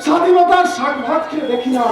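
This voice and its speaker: A man's voice: very high voice, fast talker. A man playing a principled young landlord in historical folk theatre, proclaiming his words with resolute defiance. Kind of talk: loud declamatory Bengali jatra stage acting. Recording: very echoey stage, distant microphone.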